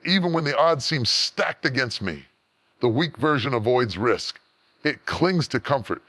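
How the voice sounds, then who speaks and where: A man's voice: on the high side, a bit bright, no room sound. Emphatic man giving a motivational speech. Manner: emphatic, rhythmic repetition with sudden roaring peaks.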